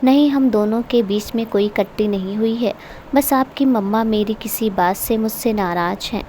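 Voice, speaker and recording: A woman voicing an angry young husband who is also a protective uncle, read in a stern, forceful way. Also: medium pitch, moderate pace, a little hiss or hum, lightly acted. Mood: tender.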